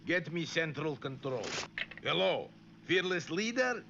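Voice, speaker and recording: A sly, gravelly cartoon spy villain who drags out his words and swoops up and down in a high, lively voice. He sounds like an old noisy cartoon soundtrack, dull and hissy. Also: a little slow, full character voice. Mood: scheming. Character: scheming male spy villain, thick foreign accent.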